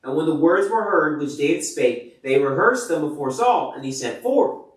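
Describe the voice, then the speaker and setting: A man's voice: a little high, animated, normal speed. Casual man reading scripture, echoey and distant. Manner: reads scripture then paraphrases loosely with many fillers. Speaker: Bible reader. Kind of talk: casual Bible reading with commentary. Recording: echoey room from far off the mic.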